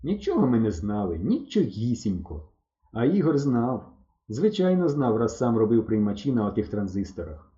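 A man narrating a first-person children's story, his dark, mellow voice rising and falling with lively expression. The reading is warm and unhurried. The recording has a roomy echo and a slightly dull sound. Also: mid-range voice. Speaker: audiobook narrator.

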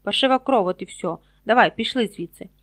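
A huge, gruff but kindly giant of a man speaks bluntly in a folksy way, as a woman reading a storybook puts him on. His tone is homely and plain-spoken. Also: mid-range voice, brisk, close to an everyday voice.

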